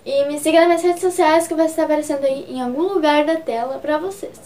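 A chatty, high-voiced female vlogger from Rio Grande do Sul, Brazil, speaks Gaúcho Brazilian Portuguese fast in a mellow tone, packing in fillers and gesturing a lot with both hands. She's casually explaining regional slang in a vlog, with a little hiss or hum on the recording.

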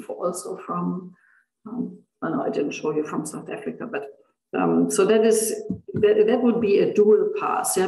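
Tired guy giving a lecture, gravelly voice, lots of ums, echoey room. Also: sits high, a little mellow. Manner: halting, many fillers and restarts. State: tired voice, throat clearing. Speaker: university lecturer. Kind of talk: informal lecture.

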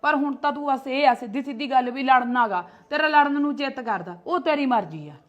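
A woman plays a protective, sharp-tongued mother in a homemade family skit, speaking with a Punjabi accent. Her voice sits a little high, and she argues and scolds, defending herself at every turn. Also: brisk, highs cut off, natural voice. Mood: arguing. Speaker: sister-in-law.

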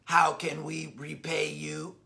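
A courteous robot chief from a children's storybook, as a male reader puts him on, dropping his voice low and quiet and drawing each phrase out slowly. The lines come in solemn, measured steps. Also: completely flat delivery, creaky, full character voice. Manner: slow, low, hushed delivery. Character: polite grateful male robot leader.

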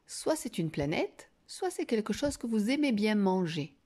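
A woman teacher giving a reading lesson to young children, slowly sounding out syllables and words. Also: mid-range voice, very animated, mellow. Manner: slow, drawn-out sounding of syllables.

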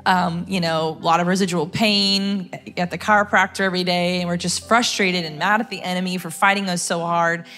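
A woman's voice: lowish voice, fairly even intonation, a little fast, hardly any pauses, a bit bright, soft background music. A young adult woman and singer sharing a personal testimony in church in a chatty, conversational way with lots of fillers.

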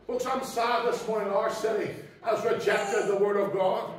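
A Northern Irish man, a pastor preaching an impassioned sermon that swings from soft asides to shouted exclamations. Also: high-pitched, moderate pace. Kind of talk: fiery Pentecostal sermon. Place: church hall. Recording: very echoey hall from far off.

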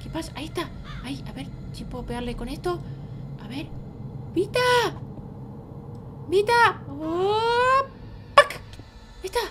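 A woman's voice: animated, unhurried, long pauses, noisy background. A woman voicing a mischievous runaway baby boy in a Minecraft roleplay, chatting to the viewers as he sneaks around. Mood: sneaky. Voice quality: squeaky childlike voice. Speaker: roleplay channel performer.

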